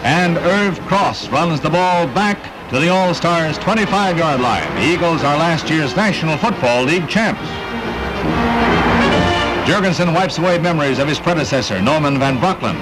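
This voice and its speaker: A man announcing sports in an old 1960s newsreel recording, with a brisk, punchy play-by-play delivery. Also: a little high, expressive, low-quality recording. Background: loud music.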